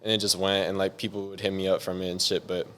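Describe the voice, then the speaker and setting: A deep-voiced young man from San Diego, a music producer, rambles quickly through a casual interview, saying "like" a lot in a relaxed way. There's slight background noise.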